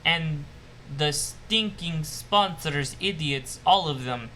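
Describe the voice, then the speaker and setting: A man's voice: a little high, takes it slowly, sharp tone, slight background noise. A man voicing a bitter, obsessive male scientist losing his mind, ranting and paranoid in a put-on Russian accent. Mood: desperate. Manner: ranting, paranoid, self-pitying.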